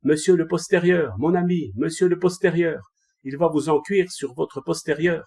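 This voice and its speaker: A man reading a storybook voices a fierce monk who mocks and shouts at his foe. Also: medium pitch, normal speed, breathy edge, close to an everyday voice. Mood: mocking. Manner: mocking, shouting back. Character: brawling mocking warrior monk. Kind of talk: audiobook reading of a classic tale.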